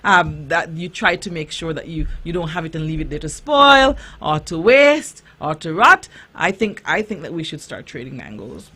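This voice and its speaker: A woman's voice: deep voice, big pitch swings, normal speed, hardly any pauses, bright, forceful tone, husky. A woman speaking as a kids' show host, teaching children in simple phrases and checking in with questions.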